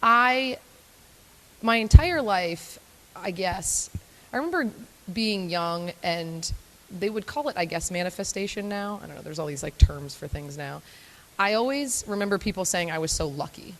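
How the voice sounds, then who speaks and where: Chatty young woman giving a talk to a crowd, lots of ums, bit low voice, echoey hall. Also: lively intonation, normal speed, bright, forceful tone, a little hiss or hum. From Florida, United States. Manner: chatty and self-deprecating, with frequent filler ums. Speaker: guest speaker at a morning talk event. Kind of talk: conversational live talk to an audience. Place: event hall before a live audience. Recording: long hall reverb.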